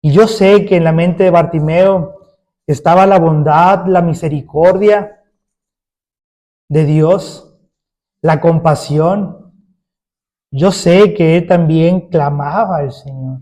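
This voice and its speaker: A man's voice: fairly high pitch, slow, pauses often, dark tone. A man preaching a sermon as pastor, emphatic, putting rhetorical questions to his congregation.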